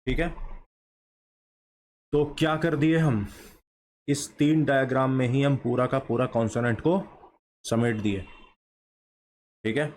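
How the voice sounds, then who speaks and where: A man teaches at a slow, unhurried pace, asking a question and then answering it himself. His pitch sits in an ordinary middle range. A faint hiss of room noise stays under his voice. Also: fairly even intonation, a little mellow. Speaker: shorthand teacher. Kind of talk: explaining a lesson while drawing.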